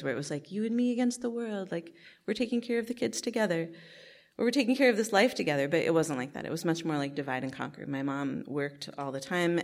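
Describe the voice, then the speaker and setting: Low-voiced woman telling a personal story. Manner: reflective, hesitant, many restarts and fillers. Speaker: storyteller recounting her childhood.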